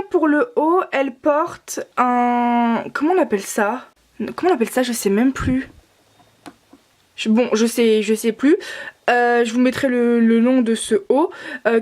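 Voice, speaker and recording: A young woman with a high voice chats her way through a show-and-tell. She rambles a little, fills gaps with hesitations and corrects herself as she goes. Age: young adult. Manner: chatty, rambling, many fillers and self-corrections. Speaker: doll collector vlogger. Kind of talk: casual show-and-tell narration.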